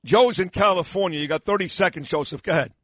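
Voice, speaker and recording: A man's voice: high-pitched, fast, fairly bright tone, slight background noise. A man hosting talk radio in a blunt, teasing, casual way on a close studio microphone. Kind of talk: casual call-in radio banter and ad reads.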